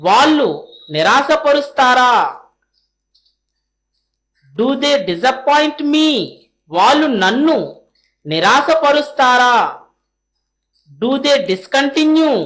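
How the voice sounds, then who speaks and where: Her voice sits high and sounds a bit bright as this spoken-English teacher reads short question drills. Each comes slowly with deliberate spacing, followed by its translation.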